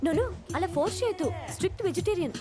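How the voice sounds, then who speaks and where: A prim, fussy young woman in a film comedy, dropping English phrases into her talk. She speaks fast in a fairly high voice. Loud film music plays behind her. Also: lively intonation. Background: film score music.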